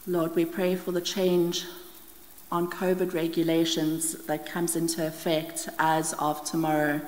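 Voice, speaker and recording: A middle-aged woman from the Scottish Highlands reading prayers aloud at a church lectern, steady and careful, with small slips as she reads. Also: unhurried. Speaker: prayer leader. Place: church hall with brick wall, indoors. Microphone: stand mic at lectern, wide camera. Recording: long hall reverb.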